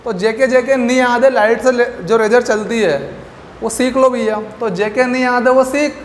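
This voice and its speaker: Very high-pitched guy teaching, quizzes himself, roomy echo with a long tail. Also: normal speed. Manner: animated, asks questions and answers them himself. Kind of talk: classroom lecture with memory tricks. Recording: echoey room with faint background noise.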